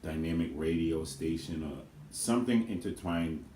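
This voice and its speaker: A man's voice: very deep voice, moderate pace, warm tone. A man co-hosting a casual question-and-answer video with his twin, speaking earnestly and with emphasis. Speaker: co-host twin. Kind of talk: casual Q&A chat. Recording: echoey room with faint noise.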